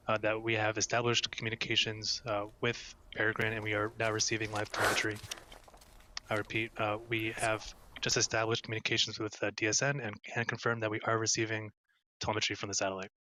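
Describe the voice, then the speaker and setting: A man's voice: on the low side, completely flat delivery, a little fast, sharp tone. A man serving as flight director, giving clipped procedural announcements from mission control and repeating each callout.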